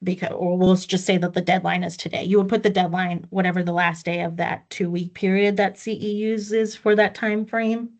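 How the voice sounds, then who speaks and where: The trainer, a woman with a low, level voice, talks at a moderate pace with hardly any pauses as she shows staff how to use a records system. Over a video call with dull lo-fi audio, she works through it patiently, one step at a time.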